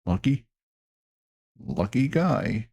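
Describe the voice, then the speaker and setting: Slow-paced man with a lowish voice, reacting casually. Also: sing-song, gravelly, dark tone. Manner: halting, repeats words and phrases.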